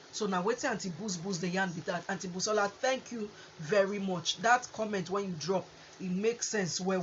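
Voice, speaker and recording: A woman with a Nigerian accent hosting a conversational advice talk in Nigerian Pidgin, with an animated way of explaining things. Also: mid-range voice. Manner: animated, acts out example exchanges. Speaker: host. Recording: muffled lo-fi audio with faint noise.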